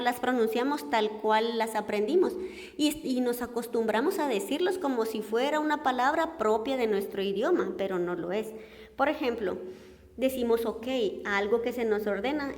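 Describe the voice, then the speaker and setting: A woman teacher gives a recorded language lesson. She explains slowly, gives many examples and checks in with "¿verdad?". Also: a little high, long reverb tail.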